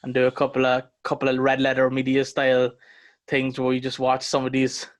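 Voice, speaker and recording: Animated, blunt man reviewing a movie. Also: medium pitch, fairly quick. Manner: animated, blunt, swears freely. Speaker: podcast co-host. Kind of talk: casual movie review chat.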